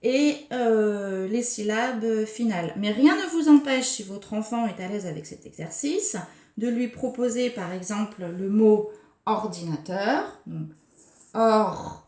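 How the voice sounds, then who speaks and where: A woman preschool teacher giving a recorded lesson for young children, speaking slowly and articulating each syllable with care. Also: medium pitch, mellow. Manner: slow, carefully articulated, scanning syllables. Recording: roomy echo.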